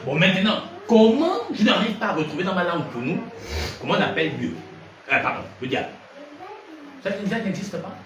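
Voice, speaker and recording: A high-pitched, brisk Gabonese man preaches to a congregation, leaving long pauses between bursts of speech. His delivery is animated and full of probing questions aimed at the audience. The recording is noisy and echoey, made from a distance.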